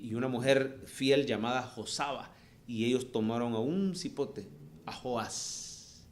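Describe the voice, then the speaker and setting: A middle-aged man with a Salvadoran accent preaching a sermon, moving between soft storytelling asides and rising calls to the congregation. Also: fairly high pitch. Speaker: pastor.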